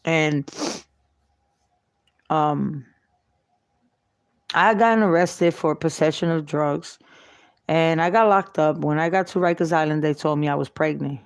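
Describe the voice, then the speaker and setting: A woman's voice: low-pitched, unhurried, pauses often, no echo. Middle-aged woman telling her story, dry sound. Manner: emotional, repetitive, faith-driven. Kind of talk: personal testimony monologue. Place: New York.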